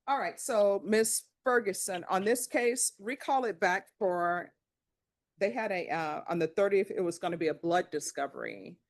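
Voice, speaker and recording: A woman judge speaks from the bench in a firm, measured way. She sets out orders plainly and lectures with steady authority. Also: medium pitch. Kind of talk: courtroom proceedings. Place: courtroom.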